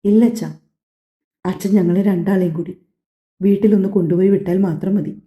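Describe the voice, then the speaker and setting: Deepa, a woman doing a calm, firm young daughter. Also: fairly quick, lightly acted. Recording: echoey, slightly dull home recording.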